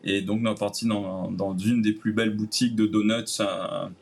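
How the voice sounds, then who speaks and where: Gravelly low-voiced Réunionese man. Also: flat delivery, moderate pace, a little mellow. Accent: Réunionese French. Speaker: guest. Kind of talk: casual interview chat.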